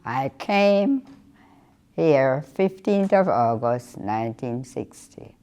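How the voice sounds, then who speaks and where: An older woman from Jamaica, recalling her arrival in a slow, measured way in a documentary interview. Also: extremely low pitch, lively intonation, mellow, clean tone.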